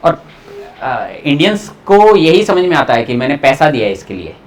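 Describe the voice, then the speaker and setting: Very animated and fairly high-pitched, this man coaches a class through German pronunciation, mixing Hindi and English and slowly repeating every word for the students to say back.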